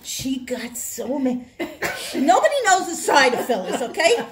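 A woman in her sixties tells stories to friends in her kitchen. She talks bluntly and laughs often. Her voice sits high and swings up and down a lot, and the recording has clear background noise. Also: big pitch swings, a little slow. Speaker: host. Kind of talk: casual storytelling chat. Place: home kitchen.

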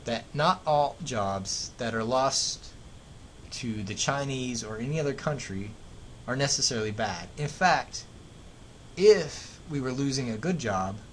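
A man with an American accent lectures like a professor, teaching economics through everyday examples. It's a classroom lecture narrated over slides, with clear background noise and a low rumble.

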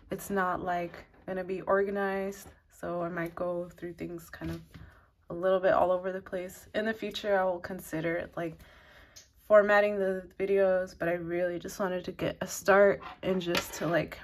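A woman hosting a knitting channel reviews needles in a casual, loosely organized way, rambling and saying "like" a lot. She calls herself an advanced beginner knitter, and her medium-pitched voice comes with a slight hiss or hum.

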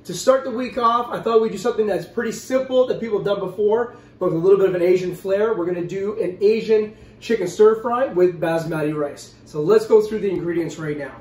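A man in his forties hosts an upbeat, casual cooking demo to camera in his home kitchen, calling his viewers "guys." His voice is high and a little mellow, moving fairly quickly with few pauses. The sound is roomy, from a distant mic, with faint kitchen noise.

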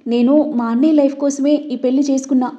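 Storybook role: woman reading as a tearful pleading bride, mellow tone. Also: sits high, fairly even intonation, fast talker, lightly acted. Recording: dull lo-fi recording.

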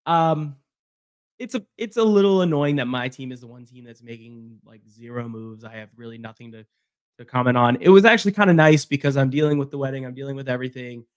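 A man co-hosting a casual sports podcast, talking in an animated way, repeating himself and laughing easily. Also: medium pitch, fast talker, clean tone, dry recording, studio quality. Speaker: podcast co-host.

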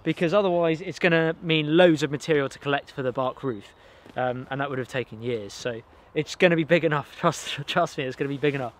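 A man's voice: on the high side, fairly quick, few pauses. A man in his thirties hosting an outdoor bushcraft vlog, explaining the build with enthusiasm as he works in a forest. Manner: enthusiastic, explains while working. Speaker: bushcraft channel host. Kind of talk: casual outdoor vlog talk. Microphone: camera mic, sometimes far off.

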